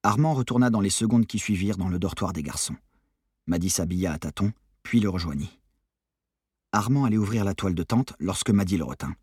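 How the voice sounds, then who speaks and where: A man narrating a novel in a steady, even reading voice. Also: low-pitched, fairly quick, slightly rough, no echo, clean studio sound. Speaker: audiobook narrator.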